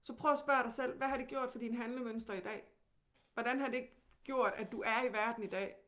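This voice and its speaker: A woman with a Danish accent teaching, who guides calmly and gently with many questions. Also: on the high side.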